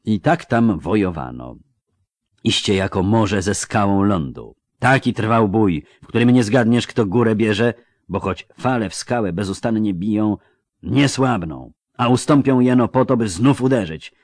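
A man reading a story aloud as an audiobook narrator, measured and steady. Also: on the low side, no room sound, studio quality. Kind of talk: scripted narration.

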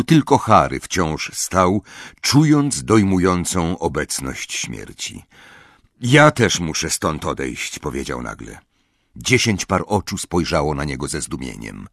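A man reading an audiobook in a measured, expressive way. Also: sits low, vocal fry, no echo, clean studio sound. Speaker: audiobook reader. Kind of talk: audiobook narration.

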